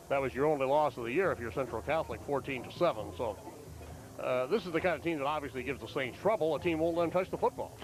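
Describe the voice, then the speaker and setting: A male sportscaster talks through a game at halftime. His pitch is average, and he speaks in a measured, conversational way with frequent pauses. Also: low-quality recording. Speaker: play-by-play sports broadcaster. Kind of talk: live halftime sports commentary.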